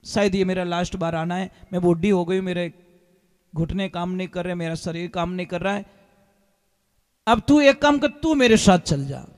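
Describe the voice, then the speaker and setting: A man's voice: high-pitched, normal speed. A man voicing a stubborn, doting old woman devotee in a sermon story, with long hall reverb. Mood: pleading. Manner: pleading, scolding village speech.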